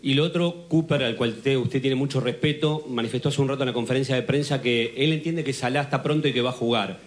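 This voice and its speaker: Mid-pitched male sports reporter asking questions. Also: quick pace. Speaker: sports journalist. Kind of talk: press conference question.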